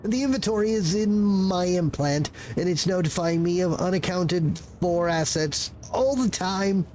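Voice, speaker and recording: Overworked video game clerk, played by a man: high voice, halting and stuttering, frantic, guilty, begging to be understood. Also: a little mellow, slight background noise. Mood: distressed. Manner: stammering, halting, pleading. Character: frantic, guilt-ridden, overworked male clerk with head implant. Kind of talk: improvised reading of game dialogue.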